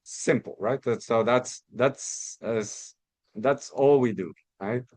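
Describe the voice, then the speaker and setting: Man from Costa Rica, academic presenter, explanatory, halting restarts, medium pitch, dry sound. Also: a little mellow, no echo. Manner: frequent restarts and repeated words, explanatory. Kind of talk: research talk.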